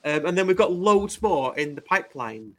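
A man's voice: sits high, expressive, normal speed. A man hosting a podcast in casual, chatty style. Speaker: podcast host. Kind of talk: casual chat, running through show plans.

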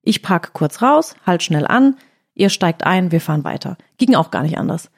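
A woman's voice: on the low side, big pitch swings, normal speed, gravelly. A woman telling a story in casual chat, quoting her own words as she goes.

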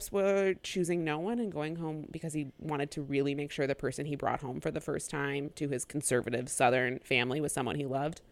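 Deep-voiced and recorded with no room sound, a young woman co-hosts a podcast, chatting about a reality show. She's loose and lively, swears freely, and performs other people's lines as she retells them.

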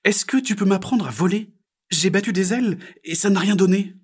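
A small, hopeful tree frog with a squeaky, high voice, as a man puts her on. She pleads eagerly and sounds a little husky underneath. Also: brisk.

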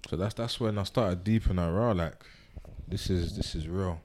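A man's voice: low-pitched, moderate pace, a little mellow. A young man with a London accent chatting and telling anecdotes casually, in slang, repeating himself for emphasis.

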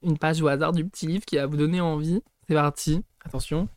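A young man with a slightly raised pitch and a mellow, soft-edged tone chats through a casual book podcast, reading passages aloud. He's self-deprecating and keeps stumbling, tossing in fillers and correcting himself. The sound is dry and close. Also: steady tone, brisk, no echo.

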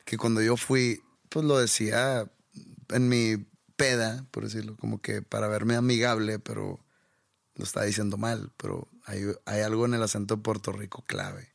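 A man's voice: on the low side, normal speed, creaky, no room sound, studio quality. A man with a northern Mexican accent, chatting casually and playfully. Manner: laid-back, playful, mimics accents. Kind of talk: casual chat.

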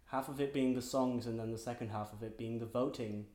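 A man's voice: medium pitch, steady tone, a little fast, crowd noise. A man hosting a podcast in a casual, chatty style. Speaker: podcast host. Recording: echoey room.

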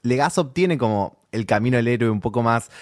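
A man's voice: mid-range voice, animated, fairly quick, no echo. Dry-sounding Rioplatense man in casual chat. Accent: Rioplatense Spanish. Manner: conversational, restarts and fillers like "tipo". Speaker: podcast co-host. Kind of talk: casual chat reviewing a series.

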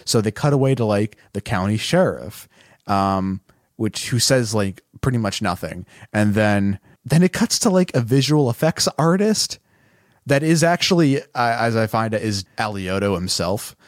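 Laid-back low-voiced man, dry sound. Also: expressive, moderate pace, dry recording. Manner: casual, laughs often, swears freely. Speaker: podcast co-host. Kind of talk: casual film review chat.

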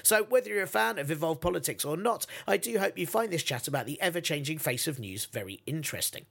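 A man's voice: fairly high pitch, lively intonation, fast, gravelly, a bit bright, breathy edge. A British man hosting a podcast with a jokey, self-deprecating comic monologue to his listeners. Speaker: podcast host.

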